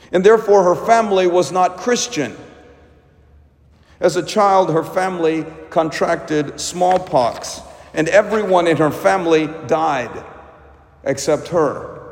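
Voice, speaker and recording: Slow-speaking priest in a cathedral echo. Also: male voice, on the high side, darkish tone. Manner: deliberate, measured preaching with pauses. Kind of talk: Gospel reading and homily. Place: large reverberant church. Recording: echoing church, long cathedral-like reverb.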